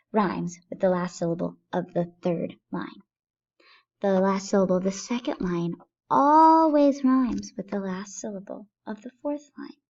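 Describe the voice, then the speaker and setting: A woman's voice: mid-range voice, darkish tone. A woman teacher explaining poetry step by step, patiently thinking aloud and asking herself questions as she goes. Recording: dull lo-fi recording.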